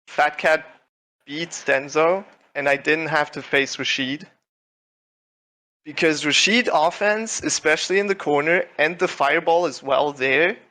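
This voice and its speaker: A young Swiss man who won a tournament is a guest in a casual video-call interview. His voice is slightly high and fairly bright, and he comes across as relaxed and humble, with plenty of fillers and restarts.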